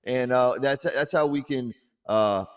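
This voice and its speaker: A man co-hosting a casual political chat show, talking in an animated, rambling way and often repeating words. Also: medium pitch, unhurried, clear, resonant tone, in a large hall. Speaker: podcast co-host.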